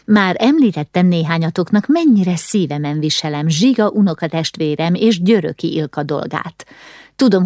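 A woman's voice: fairly low pitch, a little mellow, no echo, studio quality. A woman voicing an eager, scheming young noble girl who talks persuasively, in an audiobook reading.

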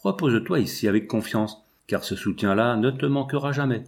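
A steady, tender father in exile, gentle and reassuring, as a man reads his lines. His voice stays close to the reader's own plain, mid-pitched tone. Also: a little fast, lightly acted.

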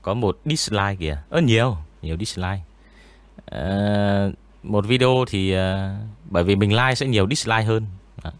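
Deep-voiced man, rambling. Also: unhurried, clear, resonant tone, no room sound. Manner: relaxed, rambling, many fillers. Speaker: ghost story narrator. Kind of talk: casual interview chat.

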